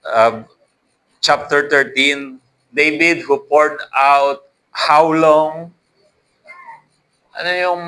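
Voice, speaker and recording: A man's voice: medium pitch, pushed and bright, low-quality recording. A man with a Filipino accent preaching a sermon, switching between Tagalog and English and asking the congregation for responses. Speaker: pastor.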